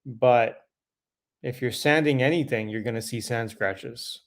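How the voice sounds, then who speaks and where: A man's voice: mid-range voice, unhurried. A middle-aged man hosting a casual live Q&A, answering viewer questions in a loose, conversational way with fillers and self-corrections.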